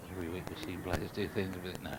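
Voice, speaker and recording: A man's voice: sits low, level tone, racing. A man giving live golf commentary in a conversational, informative way. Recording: very noisy outdoor broadcast sound.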